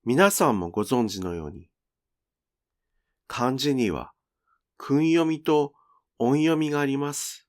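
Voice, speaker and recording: A man teaching Japanese pronunciation in a clear, deliberate, teacherly way. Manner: slow, clear, teacherly with lively pitch. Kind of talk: scripted lesson narration.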